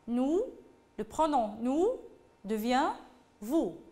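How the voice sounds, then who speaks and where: Slow, high-voiced woman teacher. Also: animated, warm tone. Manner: slow and patient, repeats phrases, addresses pupils directly. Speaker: French teacher. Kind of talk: classroom grammar lesson.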